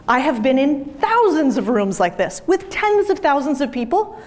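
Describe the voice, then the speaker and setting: Woman in her thirties, fairly high voice, blunt and emphatic, swearing, motivational stage talk. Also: sing-song, moderate pace, a little mellow. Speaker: business speaker. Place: event room with audience.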